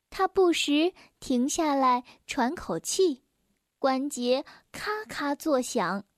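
A woman reading a children's story aloud in a gentle, clear, unhurried voice. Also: high voice, dry recording, studio quality.

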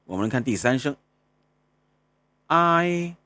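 A man's voice: mid-range voice, sing-song. A man teaching pronunciation in a recorded lesson, repeating single syllables and sliding them up and down to show each tone. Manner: slowly sounds out and repeats syllables, sliding up and down through tones. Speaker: Cantonese language teacher.

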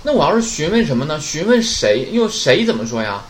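A man's voice: a little fast, noisy background. A man teaching Japanese vocabulary in a chatty way, often asking a question and answering it himself. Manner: chatty, asks rhetorical questions and answers them; lively, swinging pitch. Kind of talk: casual vocabulary lesson.

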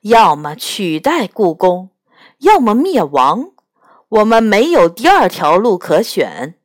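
A woman's voice: mid-range voice, very animated, slow pace, no echo, clean studio sound. A woman doing a haughty scheming bird spirit. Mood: insistent. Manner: haughty, insistent. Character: scheming singing-bird spirit, cold and grand. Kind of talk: storybook reading.

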